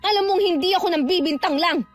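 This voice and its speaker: A woman with a very high voice speaks quickly over faint background music. She's an actress voicing a young woman who worked abroad, got cheated out of her house, and now furiously confronts her family, shouting accusations.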